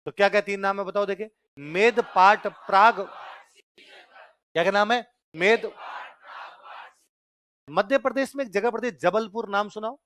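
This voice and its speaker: A male history teacher with a Rajasthani Hindi accent lectures a classroom in a fairly high voice. His tone is smooth and resonant, and the sound is dry and close. He keeps repeating questions for the class to answer back. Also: unhurried, long pauses, a bit bright, no echo, some chatter behind.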